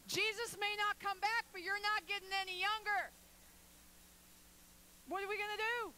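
A woman pastor preaching a sermon, emphatic and rising to forceful declarations. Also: very high-pitched, fairly even intonation, moderate pace, slight background noise, poor audio.

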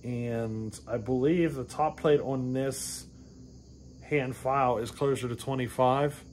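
A man in his forties talks chainsaw chains to the camera inside his garage workshop. His voice sits in an ordinary middle pitch, and he rambles, backtracks and keeps checking in with "you know what I mean". Faint crickets chirp in the background. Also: steady tone, takes it slowly, darkish tone, a little hiss or hum. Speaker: chainsaw channel host. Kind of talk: casual shop talk to camera.

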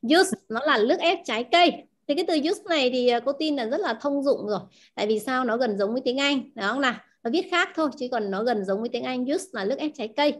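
A woman's voice: high-pitched, animated, fast talker, hardly any pauses. A woman teaching a language class, explaining words and asking her students questions often. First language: Vietnamese. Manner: asks the class questions, repeats key words.

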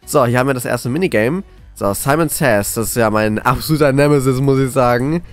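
A man commentating live on a horror game as a scared, jittery streamer, excitable and often repeating words. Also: mid-range voice, fairly quick, soft background music. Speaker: gaming video creator.

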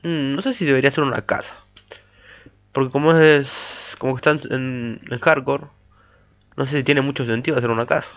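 A man's voice: medium pitch, steady tone, normal speed, fairly bright tone. A man giving chatty let's play commentary while mining, humming "pa pa pa" to himself. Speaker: gamer. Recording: dull lo-fi mic audio.

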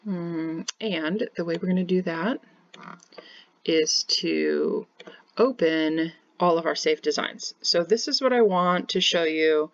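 Using a webcam in the corner of her screen share, a Kansas home bakery business teacher explains labels step by step in a software tutorial. She talks slowly in a voice on the low side; there's no room sound, but the audio is dull.

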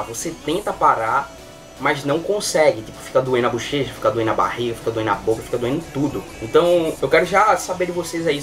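A man's voice: medium pitch, a bit bright. A young Brazilian man chatting casually to camera as a vlogger, rambling informally with lots of filler words. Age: young adult. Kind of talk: casual chat to camera, storytelling. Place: small bedroom, indoors. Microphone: webcam or computer mic at desk distance. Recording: distant webcam mic.

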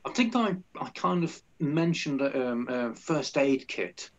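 A man hosting a podcast, enthusiastic but halting, with many restarts. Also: mid-range voice, lively intonation. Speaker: podcast host. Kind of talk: casual podcast interview. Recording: dull lo-fi sound.

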